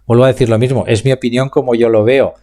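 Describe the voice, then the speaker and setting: A man with a Spain Spanish accent teaching public speaking in a live online class, answering chat questions and slowing down to demonstrate pauses and emphasis. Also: medium pitch, fairly even intonation, warm tone.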